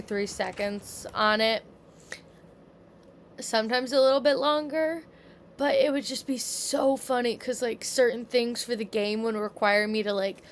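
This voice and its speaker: A woman's voice: fairly high pitch, slight background noise. A woman streamer giving casual gameplay commentary, rambling with many fillers and self-corrections, sometimes drifting away from the mic. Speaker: gaming streamer. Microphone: headset or desk mic, at times far from it.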